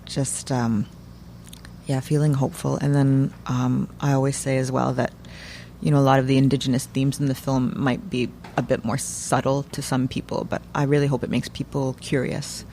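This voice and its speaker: A woman's voice: very deep voice, level tone, moderate pace, dark tone, a little hiss or hum. A woman speaking conversationally as a film guest in an interview.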